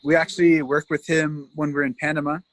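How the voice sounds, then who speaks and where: A man's voice: a little high, level tone, fast talker, no echo. A man from Canada, a tour guide, telling rambling stories in a casual interview, laughing often and leaning on fillers.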